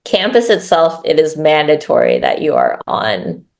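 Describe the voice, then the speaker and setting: Low, gravelly-voiced woman chatting casually. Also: huge pitch swings, normal speed. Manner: chatty, filler-heavy, frequent tag questions. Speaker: growth lead, interview guest. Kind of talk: casual interview talk.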